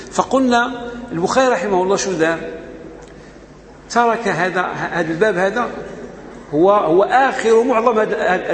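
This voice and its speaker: A man with a Moroccan accent giving an emphatic religious lesson, posing rhetorical questions and answering them himself. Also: high voice. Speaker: religious teacher. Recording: echoey hall, faint background noise.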